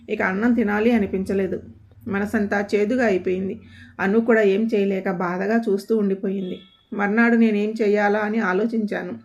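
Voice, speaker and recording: A woman storyteller reading a family story aloud in a steady, somber scripted narration. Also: mid-range voice. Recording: dull lo-fi audio.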